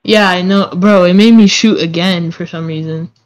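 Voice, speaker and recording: A man's voice: sits high, steady tone, moderate pace, poor audio. A young man teasing and boasting in casual gaming chat over voice chat. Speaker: gaming friend.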